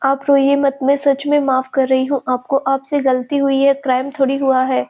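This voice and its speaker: A woman's voice: high voice, monotone, moderate pace, phone-quality sound, lightly acted. A woman voicing an innocent young woman who forgives her lover through tears. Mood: tearful. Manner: innocent, crying.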